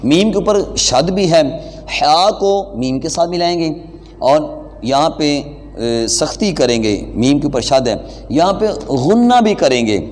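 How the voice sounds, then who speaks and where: A man teaching an online lesson, patiently explaining pronunciation and reciting slowly and deliberately. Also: fairly high pitch, animated, a little mellow. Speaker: religious teacher. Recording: long hall reverb.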